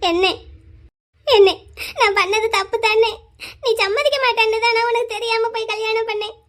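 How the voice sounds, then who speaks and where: A woman's voice: fairly even intonation, normal speed, fairly bright tone. A woman voicing a heartbroken young bride in a cartoon, crying and begging her brother's forgiveness. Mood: pleading, sobbing. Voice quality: very high, sobbing voice. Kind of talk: cartoon voice acting.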